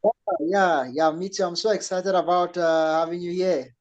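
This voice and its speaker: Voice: medium pitch, steady tone, moderate pace. A participant talking cheerfully on a video call meeting. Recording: dull lo-fi call audio.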